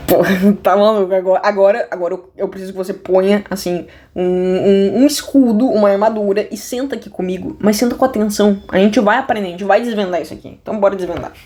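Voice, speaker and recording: A woman with a Brazilian Portuguese accent works through a math lesson from her desk. She talks straight to her viewers in slang, jokes and breaks off into restless asides. Her voice is mellow and warm. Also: medium pitch, steady tone, fast. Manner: restless, many restarts and asides. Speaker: math teacher. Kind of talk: casual video math lesson. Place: at a desk indoors.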